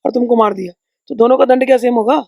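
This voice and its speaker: Gravelly-voiced woman teaching with emphasis. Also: on the high side, fairly even intonation, fast talker, no echo. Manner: emphatic, storytelling with sharp rhetorical asides. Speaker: spiritual teacher. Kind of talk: conversational spiritual teaching. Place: indoor podcast recording.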